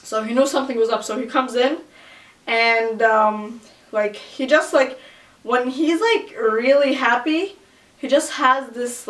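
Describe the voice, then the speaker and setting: A chatty woman vlogger tells a personal story in a casual, filler-heavy way, her voice sitting a little high. She is recorded from a distance in an echoey room. Now and then she jumps into high shrieks for the people she quotes. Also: a bit bright.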